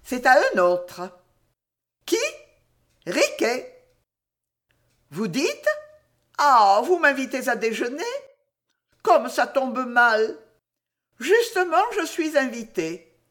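A woman's voice: high-pitched, big pitch swings, takes it slowly, pauses often, fairly bright tone, exaggerated voice. A woman voicing a teasing, playful young woman who adores her anxious lover, in an audiobook reading. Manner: teasing, playful, mock-exasperated.

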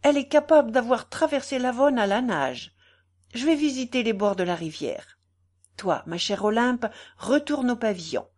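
A woman's voice: a little high, animated, normal speed, a little mellow, pitched above the performer's own voice. A woman reading an anxious gamekeeper, urgent. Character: grown male estate gamekeeper, alert and anxious.

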